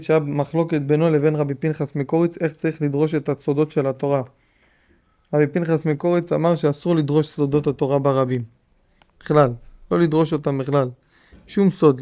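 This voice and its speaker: Mellow-voiced man teaching a Torah lesson. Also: on the high side. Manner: repeats phrases and explains patiently to listeners. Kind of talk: Torah lesson, reading and explaining a text.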